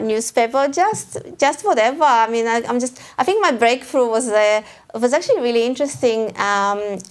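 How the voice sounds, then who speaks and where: Before a live audience in an event hall, a Russian-accented woman speaks as the guest author. Her fairly high voice is smooth, though her delivery is hesitant, full of restarts and small laughs.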